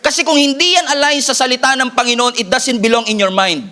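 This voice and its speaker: A pastor preaches an animated sermon, cracking jokes, calling for responses from the congregation, and repeating key lines for emphasis. His voice is very high-pitched and he speaks fairly quickly.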